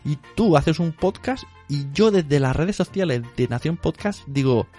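A man co-hosting a podcast in casual banter, jokey and quick at reading out lists. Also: a little high, animated, mellow, breathy edge, soft background music. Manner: jokey, rapid list-reading, bursts of laughter. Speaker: podcast co-host.

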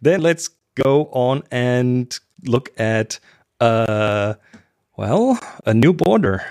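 A young man hosting a podcast in a casual, upbeat chat, quick to laugh. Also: mid-range voice, animated, a little mellow, no echo, studio quality. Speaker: podcast host.

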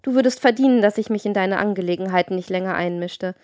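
A woman's voice: mid-range voice, fast talker, darkish tone, no room sound, close to an everyday voice. Woman reading a greedy boastful madam in a storybook, pushy and sly, dry close sound. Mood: cold. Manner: boastful, coaxing. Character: scheming greedy female procuress, boastful and cruel. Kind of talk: audiobook reading.

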